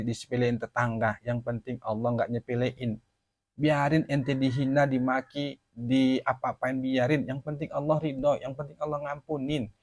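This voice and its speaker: A man's voice: mid-range voice, dry recording, studio quality. A man giving an earnest, repetitive religious talk in a casual, conversational way. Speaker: religious speaker.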